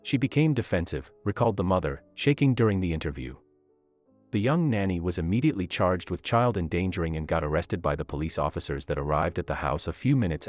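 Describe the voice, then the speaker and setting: A man with a very low, deep voice tells a true-life story in scripted narration. His intonation swings widely as he stresses the turning points, building suspense. Soft music runs faintly underneath.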